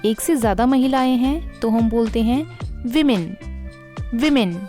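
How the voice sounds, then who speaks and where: A woman with an Indian accent teaching English pronunciation, repeating each word slowly and clearly and switching between Hindi and English. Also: a little high, fairly even intonation, mellow, faint music behind. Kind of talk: pronunciation lesson.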